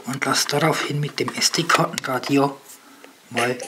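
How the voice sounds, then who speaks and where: A person giving casual, off-the-cuff field test commentary in a halting way, as if thinking aloud, recorded outdoors on a handheld camera. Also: mid-range voice, fairly even intonation, bright, forceful tone. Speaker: amateur electronics video maker. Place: outdoors on a paved path. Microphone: handheld camera's built-in microphone. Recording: music and radio noise behind voice. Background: music playing over a radio.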